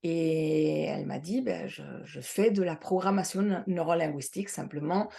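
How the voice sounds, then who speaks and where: A woman's voice: deep voice, moderate pace, gravelly, dark tone, slightly rough. A middle-aged woman from Mexico, a hypnosis and NLP trainer, talking in an interview with many hesitations and repeated words. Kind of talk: conversational interview.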